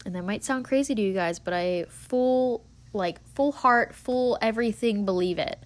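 A woman's voice: mid-range voice, moderate pace. A woman in her twenties hosting a casual solo podcast, talking earnestly and encouragingly with lots of filler words. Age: 20s. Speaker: podcast host.

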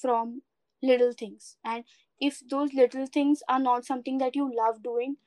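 A woman with an Indian accent speaks in a fairly high voice, recorded close and dry. She chats casually and earnestly as a co-host, offering encouragement and mixing in bits of Hindi. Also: little pitch movement, measured pace, darkish tone, no echo. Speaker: podcast co-host. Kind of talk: casual reflective chat mixing English and Hindi.

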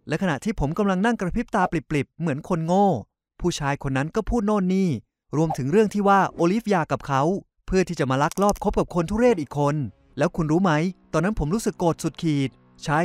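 Man telling a confessional story. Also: high-pitched. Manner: confessional, speaks directly to listeners. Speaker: narrator. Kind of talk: scripted first-person storytelling. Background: faint background music.

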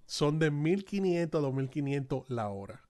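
A man with a Dominican Spanish accent and a slightly high voice chats casually as a podcast co-host. He tells his stories in an animated, slangy way. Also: moderate pace. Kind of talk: casual chat.

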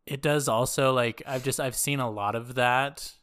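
A podcast co-host chatting casually in an informal, halting way, hedging as they go. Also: mid-range voice, fairly even intonation, a bit bright, no room sound, clean studio sound.

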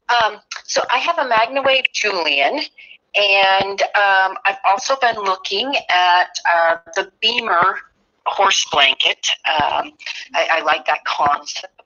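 A woman calling in over a call line that breaks up, asking her question hesitantly with many pauses and ums. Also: medium pitch, pushed and bright, muffled recording. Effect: remote caller heard over a call line that breaks up. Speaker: caller. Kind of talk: casual question on a call-in show.

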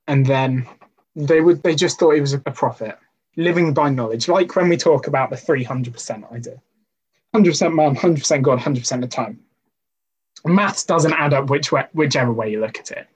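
A man's voice: mid-range voice, normal speed, darkish tone, husky, low-quality recording. A man giving an informal sermon to a youth group, talking conversationally with personal stories and rhetorical questions.

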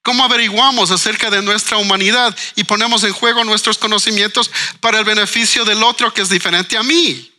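A man's voice: high voice, steady tone, brisk, hardly any pauses, pushed and bright. A man, a writer and educator speaking earnestly in a panel discussion, asking questions and repeating words as he thinks. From Ecuador. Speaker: writer and cultural manager guest.

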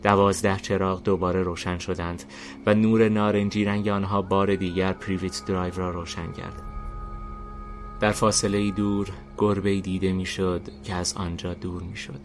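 Male narrator, very deep voice, steady scripted reading, faint music under. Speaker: narrator and host.

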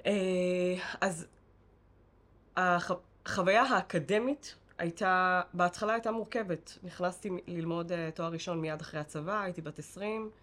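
A woman's voice: fairly low pitch, a bit bright. A woman from Israel with an Israeli accent, a guest talking casually and reflectively, correcting herself as she goes. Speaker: interview guest.

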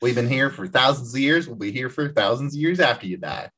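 A man voicing a boastful, territorial old male country elf, speaking gruffly in a put-on rural British accent. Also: mid-range voice, animated, fairly quick, a bit bright. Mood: scornful.

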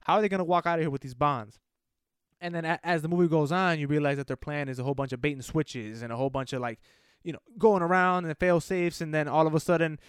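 A man co-hosting a podcast, retelling film scenes in an animated, casual way with some swearing. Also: a little high, smooth, no echo, studio quality. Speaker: podcast co-host. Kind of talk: casual movie review chat.

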